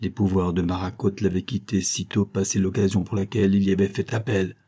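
A man narrating a novel as an audiobook, in measured, dramatic storytelling. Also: low voice, little pitch movement, warm tone, breathy edge.

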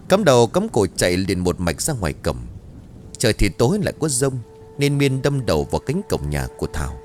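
A man's voice: lowish voice, darkish tone. A man narrating a ghost story with dramatic storytelling. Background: faint music.

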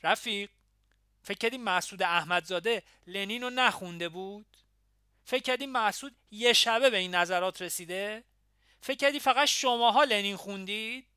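Furious scolding militant comrade, bright forceful voice, dry close sound, read by a man. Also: fairly high pitch, no room sound. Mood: shouting. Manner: mocking, then shouting and scolding. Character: angry older male militant comrade.

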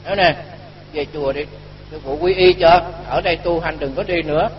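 A man's voice: a little high, a little fast, soft background music. A man, a Buddhist monk giving a storytelling sermon and acting out the dialogue in his tale. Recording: dull lo-fi recording with long reverb.

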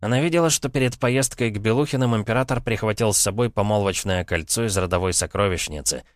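A man narrating an audiobook in a very deep voice, reading steadily and evenly. The sound is dry and close, with no room in it. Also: quick pace, no echo.

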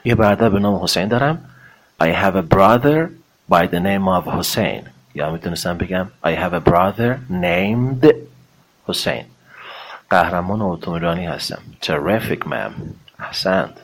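A man teaching English, saying each phrase slowly and carefully before explaining it. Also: low voice, expressive, low-quality recording. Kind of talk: language lesson, slow modeled English phrases with Persian explanation.

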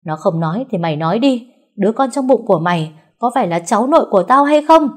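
A vicious older mother-in-law shrieks abuse in a storybook reading, as a woman puts her on. Her voice climbs high and loud, with a husky edge left underneath. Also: expressive, a little fast, close to an everyday voice. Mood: furious. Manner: shrill insulting shouting.

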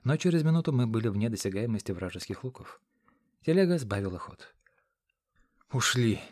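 Brief: male audiobook narrator, mid-pitched, measured and dramatic, dry close mic. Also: big pitch swings, warm tone, no echo. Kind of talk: first-person audiobook narration. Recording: dry close studio sound.

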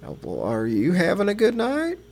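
Deep, muffled man making a gravelly prank call. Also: moderate pace. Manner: deadpan nonsense talk. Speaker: prank caller. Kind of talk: absurd prank phone call. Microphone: phone line.

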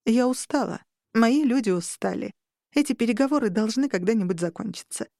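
A commanding female vampire marshal speaks calmly and with condescension, as a woman reading a story voices her. Her voice rides a little higher, and the recording is dry. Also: fairly quick, gravelly, no echo. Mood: cool. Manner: condescending, calm.

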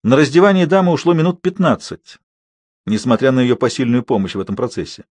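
A male audiobook narrator reads a novel in a calm, unhurried voice with a touch of irony. His pitch sits in the middle of the range. The recording is close and dry, with no room sound. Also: no echo. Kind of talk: scripted narration.

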